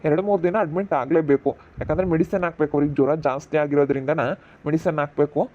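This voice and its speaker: A stern, brisk doctor, played by a man, in a rural village drama, his voice pitched high and his words coming fast. He scolds and orders people about, and the lo-fi recording sounds dull. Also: steady tone, lightly acted. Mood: reassuring firm.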